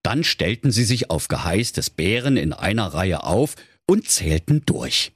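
Husky, lower-voiced male storyteller, lively delivery, dry close sound, spoof fairy tale. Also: measured pace, dry recording. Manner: mock-storyteller, addressing children with deadpan asides. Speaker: narrator. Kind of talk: comic fairy-tale narration.

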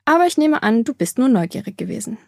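A woman's voice: a little high, sing-song, vocal fry, a little mellow, no room sound, clean studio sound, heavily acted. Woman voicing Maya, a bossy little girl. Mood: friendly. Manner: scolding then friendly, explaining slowly. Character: bold young girl, bossy yet kind. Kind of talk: audiobook character voice.

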